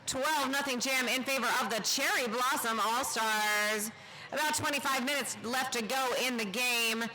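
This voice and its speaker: High-voiced man calling roller derby. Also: a little hiss or hum, low-quality recording. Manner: quick, energetic play-calling. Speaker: play-by-play commentator. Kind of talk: live sports commentary.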